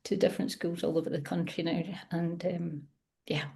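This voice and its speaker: A middle-aged children's author from Scotland chats casually in an interview, laughing a lot and teasing herself. Her voice is fairly low, gravelly and slightly mellow, with a level tone at normal speed.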